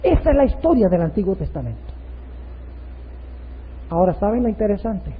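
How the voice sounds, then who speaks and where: A man's voice: sits high, very animated, normal speed. A male pastor preaching a sermon, emphatic and full of rhetorical questions. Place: church. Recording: tinny, echoey hall, radio-like.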